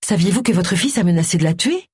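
A woman's voice: on the low side, animated, quick pace, darkish tone, husky, no room sound, studio quality. A reader voicing a determined young woman who speaks firmly and insistently. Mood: indignant. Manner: firm, insistent.

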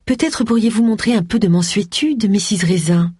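A reader voicing Mrs Bugsby, a polite, motherly woman who gently pleads and protects. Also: mid-range voice, big pitch swings, moderate pace, slightly rough, no echo, clean studio sound.

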